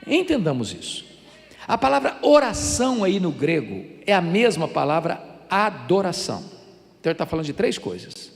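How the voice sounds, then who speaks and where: An older Brazilian man preaches in a church with a long, ringing reverb. His voice sits high for a man and swings widely in pitch, with a gravelly edge, as he tells stories animatedly and drives his points home emphatically. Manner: animated storytelling, emphatic preaching that builds to loud climaxes. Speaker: pastor. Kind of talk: sermon.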